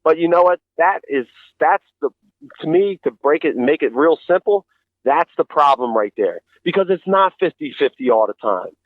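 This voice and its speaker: A man's voice: on the high side, animated, moderate pace, no room sound. A middle-aged man comes through with a narrow, phone-like radio sound, very dry and close. He talks conversationally and earnestly, like a guest giving motivational advice, explaining his points and putting questions to the listener. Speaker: interview guest.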